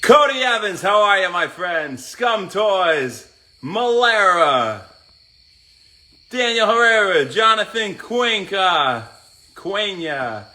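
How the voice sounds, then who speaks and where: A man's voice: high voice, big pitch swings, slow, pushed and bright. A man hosting a casual live stream, reading out viewers' names one by one and greeting each as he works out. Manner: chats while working out.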